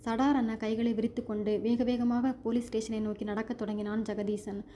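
A woman narrating a scripted family drama story in a steady, measured way. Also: on the high side, a little hiss or hum.

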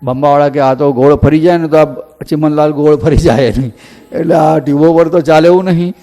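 Give me a man narrating a devotional story in a long-reverb hall, animated and folksy. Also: on the high side, fairly quick. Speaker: katha storyteller.

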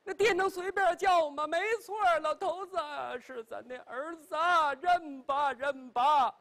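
A man voicing a doting, tearful and bossy old grandmother in a traditional storytelling performance, with drawn-out cries. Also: a bit bright. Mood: insistent. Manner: high wailing crone voice, drawn-out cries.

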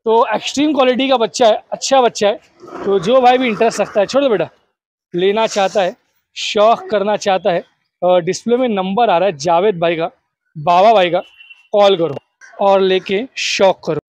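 A man hosting an outdoor goat sale, chatty and upbeat, echoing the seller's answers back in a steady patter. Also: sits high, normal speed. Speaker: host of a livestock sale video. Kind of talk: casual on-location interview.

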